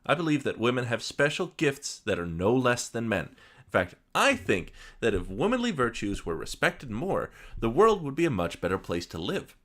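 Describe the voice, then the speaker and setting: A man's voice: mid-range voice, sing-song, normal speed, a bit bright, voice pushed up. A man voicing a prim, preachy middle-aged woman who writes fan fiction, sugary and self-righteous.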